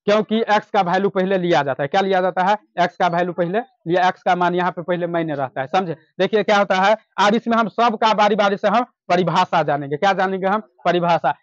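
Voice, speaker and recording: A man's voice: high voice, quick pace, hardly any pauses, no room sound, muffled recording. A man teaching math, asking his class a question and answering it himself, repeating each key term. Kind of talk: classroom lecture with call-and-response questions.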